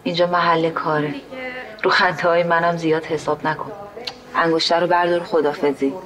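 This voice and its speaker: A woman acting out a stern shop worker who is curt and impatient with a pushy customer. Her voice is fairly low for a woman, with a busy crowd audible behind her. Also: little pitch movement, natural voice. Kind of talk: comic screen acting.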